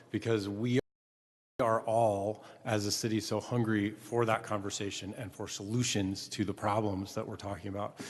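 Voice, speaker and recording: Low, flat-voiced man in a council chamber. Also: big-room sound. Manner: measured, earnest, with frequent "um" fillers. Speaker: city council president chairing a meeting. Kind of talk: formal council meeting remarks.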